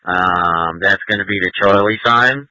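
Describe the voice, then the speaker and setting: A man's voice: sits low, a little slow, bright, forceful tone, dry recording. A man serving as fire incident commander, giving instructions and confirming reports over a two-way radio. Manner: directive, checks and repeats information back. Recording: muffled fire radio audio.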